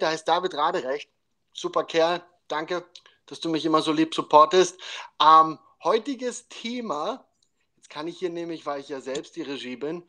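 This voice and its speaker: A man's voice: fairly high pitch, pushed and bright. Upbeat, slangy male podcast host. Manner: upbeat, slangy, mixes in English phrases. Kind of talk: casual chat.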